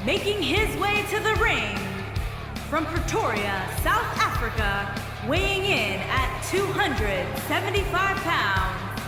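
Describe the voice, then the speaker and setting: A woman making booming, drawn-out wrestling ring introductions as the announcer, over an echoey arena PA. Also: sing-song, loud music behind the voice.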